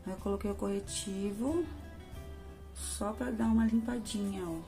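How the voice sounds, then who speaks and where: A woman's voice: mid-range voice, steady tone, normal speed, warm tone, faint music behind. A Brazilian woman casually reviewing makeup in a chatty, affectionate way, talking straight to her viewers. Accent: Brazilian Portuguese. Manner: chatty, affectionate, addresses viewers as "amores" and "gente". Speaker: beauty vlogger.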